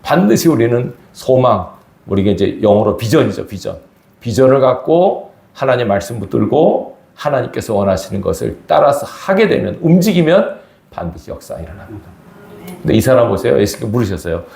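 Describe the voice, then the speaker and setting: A man's voice: medium pitch, sing-song, a little fast, gravelly, a little mellow, roomy sound. A man preaching a sermon as pastor, talking to the congregation in a conversational, emphatic way and asking rhetorical questions. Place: church sanctuary.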